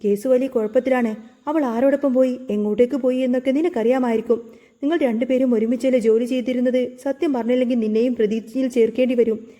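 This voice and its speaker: A woman's voice: a little high, fairly even intonation, fast talker, mellow, natural voice. A woman voicing a stern woman who poses as a police officer and bluffs and threatens.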